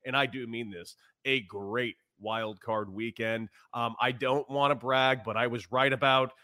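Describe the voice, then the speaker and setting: A man's voice: mid-range voice, fairly even intonation, measured pace, pushed and bright, no room sound, studio quality. A man hosting a sports podcast in casual chat, speaking in an emphatic, opinionated way.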